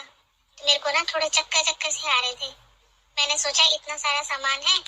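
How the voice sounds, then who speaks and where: A woman's voice: high-pitched, rough recording. A woman voicing a weary, meek old aunt. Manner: soft, weary, apologetic. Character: tired elderly aunt, meek and put-upon. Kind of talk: animated family drama voice acting.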